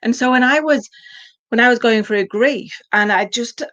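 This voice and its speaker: A woman's voice: on the high side, moderate pace, fairly bright tone, muffled recording. A woman host talking in a casual, chatty and personal way in a conversational interview. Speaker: host, former yoga class teacher.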